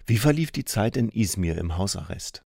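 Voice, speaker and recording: Low-voiced guy asking radio interview questions, dry close sound. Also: expressive, normal speed, creaky, a little mellow, slightly rough, no echo.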